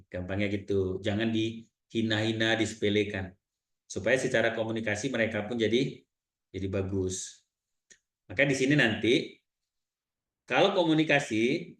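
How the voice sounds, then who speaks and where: A man with an Indonesian accent giving a seminar talk, telling client stories in lively quoted dialogue. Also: medium pitch, reverberant. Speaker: seminar trainer.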